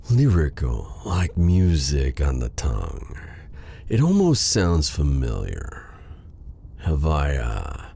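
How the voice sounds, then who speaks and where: Very deep, sly dark sorcerer. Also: male voice, heavily acted. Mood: intrigued, silky. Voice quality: breathy, gravelly. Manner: theatrical, teasing, drawn-out silky delivery. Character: sly, menacing, seductive dark sorcerer man. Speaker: voice actor. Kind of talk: ASMR fantasy roleplay acting.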